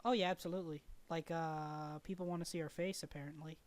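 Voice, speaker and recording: A man co-hosting a podcast in casual chat, playful and quick to laugh, often talking over his co-host. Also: a little high, steady tone.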